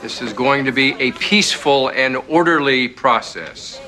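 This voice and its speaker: An actor playing a stern local sheriff keeping the peace, firm and insistent, in a television drama. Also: male voice, medium pitch, a little slow, pushed and bright. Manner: commanding, insistent. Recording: music clearly behind the voice.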